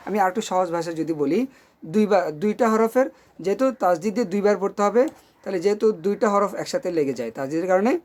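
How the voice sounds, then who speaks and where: A slightly mellow, medium-pitched voice belongs to a Quran reading teacher recording an online lesson. Syllables are drilled one by one, slowly and clearly, with frequent "okay?" check-ins. The teacher stays patient throughout.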